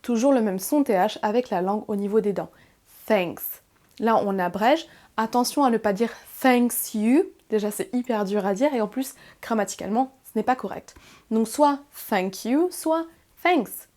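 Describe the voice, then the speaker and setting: A young French woman teaching a beginner English lesson, who slows down and spells out each English phrase with careful, deliberate pronunciation. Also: a little high, warm tone.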